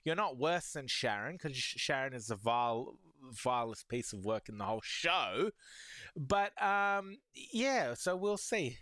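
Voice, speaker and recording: Excitable man reacting to an anime. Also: medium pitch, a little slow, dry recording. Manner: excitable, talks to viewers as "guys"; rambling with many restarts and "like". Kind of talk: casual reaction commentary.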